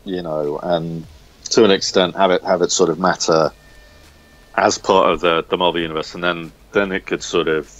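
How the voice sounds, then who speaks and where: Speaking in a very deep, steady voice, a comic writer gives a relaxed interview, his speech stop-and-start with repeated words. The smartphone recording sounds muffled and low-fidelity.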